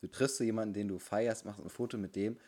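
A man's voice: fairly low pitch, fairly even intonation, fast, mellow, husky. A young man co-hosting a casual podcast chat, teasing and rambling as he talks. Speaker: podcast co-host.

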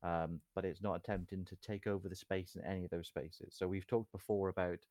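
Low-voiced man explaining standards as a guest. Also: fairly even intonation, darkish tone, no room sound. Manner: measured, explaining with caveats and fillers. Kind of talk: casual explanatory chat.

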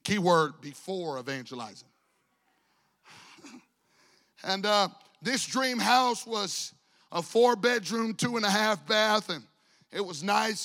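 A man preaching a storytelling sermon in a church, animated and acting out the people in his story. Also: sits high, long reverb tail. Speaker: pastor. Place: church sanctuary.

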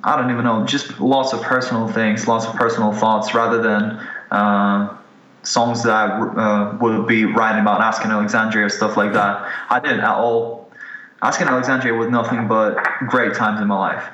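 Talking at a moderate pace, this Ukrainian guest musician in his twenties is casual and frank in the interview, with the occasional curse. The voice sits on the low side with a flat, pushed and bright delivery, caught in a dull, roomy recording.

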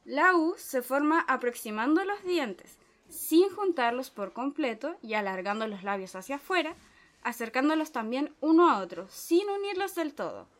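A woman's voice: sits high, big pitch swings, moderate pace. Woman voicing a pedantic male tutor. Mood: instructive. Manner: methodical, explanatory. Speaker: reader playing a tutor. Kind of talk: dramatic reading.

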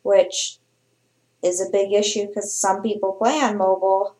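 A woman's voice: medium pitch, level tone, unhurried, darkish tone, reverberant. A woman co-hosting a casual podcast, talking in a meandering way with many restarts. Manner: chatty, meandering, frequent restarts. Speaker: podcast co-host.

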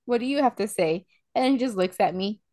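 Animated young woman telling stories. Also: medium pitch, brisk, no room sound, clean studio sound. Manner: animated storyteller, acts out scenes. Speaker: podcast co-host. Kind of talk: casual chat.

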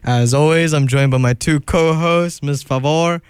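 A man's voice: on the high side, unhurried, smooth, no room sound, clean studio sound. A young man from southern Africa hosting a casual radio show. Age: young adult.

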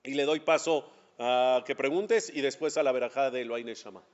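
A man's voice: medium pitch, moderate pace. A man, a rabbi giving a class, who asks his students rhetorical questions and answers them himself in a conversational way. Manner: conversational, addresses students directly. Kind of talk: religious class lecture. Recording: dull lo-fi class recording.

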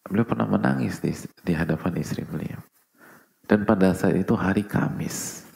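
A man preaching a sermon to a live audience, asking rhetorical questions and swinging between soft asides and loud emphasis. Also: low voice, normal speed, vocal fry. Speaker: Islamic preacher.

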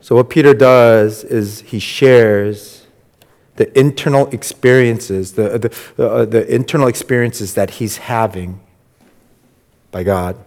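A man's voice: medium pitch, steady tone. Guy giving a sermon, lots of uhs and restarts, big hall echo. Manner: halting, many fillers and restarts, rising loud for quoted lines. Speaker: pastor. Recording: long hall reverb.

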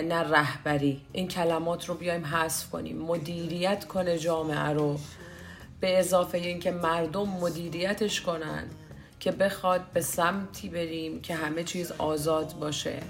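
A woman talking earnestly and persuasively in a casual discussion, acting out little dialogues to make her point. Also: deep voice.

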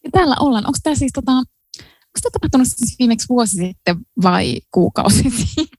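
A woman's voice: on the high side, expressive, darkish tone, no echo. A woman co-hosting a book podcast, chatting casually and musing aloud with fillers and laughs. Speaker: podcast co-host. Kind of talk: casual chat about books.

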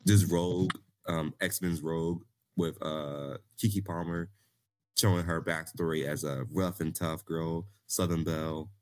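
A man's voice: sits low, fairly even intonation, a little slow, dry recording. A man co-hosting a casual chat, laughing often and joking. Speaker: podcast co-host.

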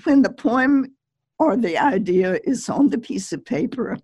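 A woman poet giving relaxed, measured advice as a podcast guest, chatty and laughing lightly. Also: fairly high pitch, slightly rough, no room sound.

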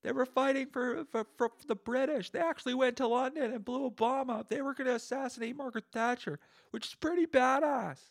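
A man putting on a squeaky, breathless voice for an overexcited young man ranting at a stranger in a bar. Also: a little fast, vocal fry. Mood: manic. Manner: squeaky, breathless barroom rant.

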